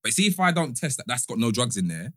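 A man's voice: medium pitch, big pitch swings, quick pace. A young man with a London roadman accent, speaking as a podcast guest in slangy, insistent banter, often repeating his phrases. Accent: London roadman, multicultural London slang. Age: young adult. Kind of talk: casual banter and debate.

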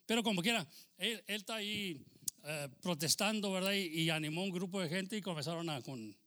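Pushed and bright, the high voice of a Mexican American pastor from the United States moves a little fast through a fervent Spanish sermon. He often says amen and hermano, switches into English phrases, and tells a joking story.

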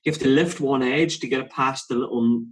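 A man in casual conversation as a podcast co-host, telling rambling stories and interrupting himself, his voice jumping up when he gets excited. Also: medium pitch, brisk, poor audio. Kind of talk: casual chat.

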